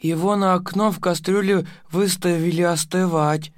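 A woman's voice: on the low side, fairly even intonation, moderate pace, no room sound, clean studio sound, natural voice. A woman voicing a little boy telling the teacher, matter-of-fact. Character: young boy reporting to teacher.

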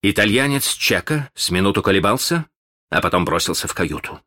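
A man narrating a children's story aloud in a dramatic, animated manner. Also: low-pitched, brisk, dry recording, studio quality. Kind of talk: expressive audiobook narration.

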